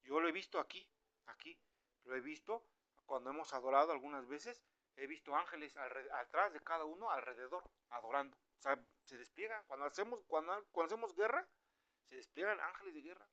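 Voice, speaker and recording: Bright-voiced Mexican preacher. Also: male voice, fairly high pitch, a little fast, lo-fi sound. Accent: Mexican Spanish. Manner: conversational and animated, acting out quoted speech. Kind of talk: informal sermon.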